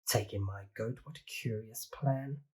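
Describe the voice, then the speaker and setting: A reader voices a fretful little old woman who keeps pleading for help with her crowded house, using a sing-song storybook style. The voice is medium-pitched, a little slow and darkish, with a breathy edge.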